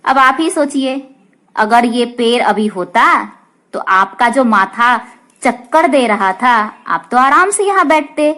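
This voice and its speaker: A woman's voice: a little high, expressive, takes it slowly, sharp tone, heavily acted. A woman voicing a grown man who patiently explains to another man why trees matter. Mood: earnest. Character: calm grown male villager who lectures kindly.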